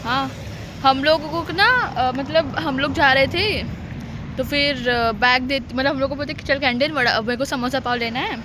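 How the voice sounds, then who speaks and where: A woman's voice: high-pitched, steady tone, normal speed. Giggly young woman vlogging on the street. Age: young adult. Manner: chatty, giggly storytelling. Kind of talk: casual vlog chat. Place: outdoors on city streets and in an office. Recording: noisy street with traffic. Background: traffic and street noise.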